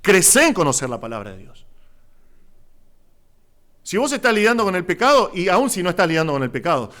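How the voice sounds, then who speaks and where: A male pastor with a Rioplatense Spanish accent, preaching an impassioned sermon that swings between loud exclamations and hushed asides. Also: high voice, big pitch swings, brisk. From Argentina.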